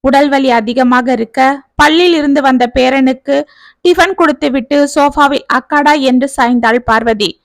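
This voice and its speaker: Woman storyteller, high voice, measured scripted narration, dry close mic. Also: dry recording.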